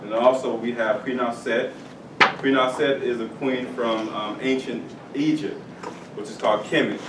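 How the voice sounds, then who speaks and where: A man's voice: mid-range voice, fairly even intonation, moderate pace. A young man giving an upbeat motivational talk at a school career day, bantering with the class in call-and-response. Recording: echoey room, distant camera, noisy.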